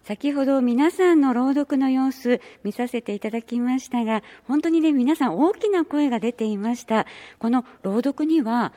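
A woman's voice: high voice, normal speed, few pauses, dark tone. A woman hosting a community program, interviewing club members in formal, very polite phrasing. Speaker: radio host.

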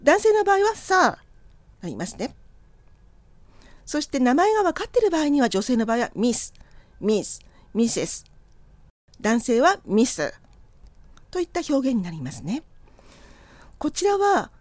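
A woman's voice: sits high, sing-song, no echo. Polite woman teaching English. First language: Japanese. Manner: models English phrases slowly for learners to repeat; polite, encouraging teacher's Japanese. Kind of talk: lesson on polite English for customer service.

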